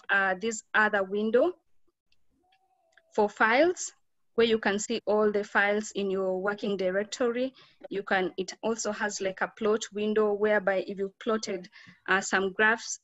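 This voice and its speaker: A woman with a Kenyan accent explains software step by step as an instructor, informally and a little hesitantly. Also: mid-range voice, dry recording, dull audio.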